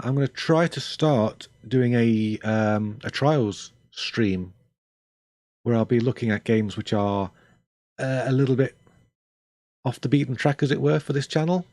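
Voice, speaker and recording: A man's voice: mid-range voice, a little mellow, no echo. An older man chatting casually on a game stream, rambling with dry, self-mocking humor. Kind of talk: casual live-stream chat.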